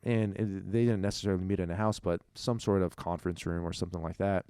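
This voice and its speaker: A young man co-hosting a casual faith podcast, talking in animated bursts and laughing often. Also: sits low, quick pace, smooth, dry recording, studio quality. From Ukraine. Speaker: podcast co-host. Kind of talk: casual chat.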